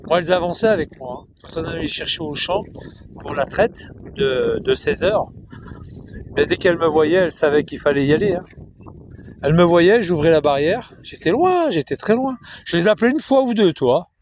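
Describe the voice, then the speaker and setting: Very animated and speaking at normal speed, a man rambles casually to the camera as he films on his phone in a cow pasture, with background noise around him. He is chatty and repeats himself, breaking off now and then to coo at the cows in a high sing-song voice.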